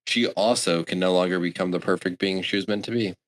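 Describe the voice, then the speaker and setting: A man's voice: low voice, steady tone, fast. A man co-hosting a podcast in casual chat, wry and laid-back, swearing now and then. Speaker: podcast co-host.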